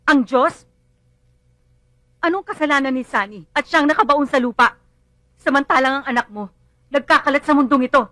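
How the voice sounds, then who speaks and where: A woman's voice: sits high, fairly bright tone, no echo. An actress playing a bereaved mother who bitterly blames others and lashes out in anger. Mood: cold, accusing. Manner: bitter, accusing, rising to screams. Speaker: grieving mother. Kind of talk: film drama acting.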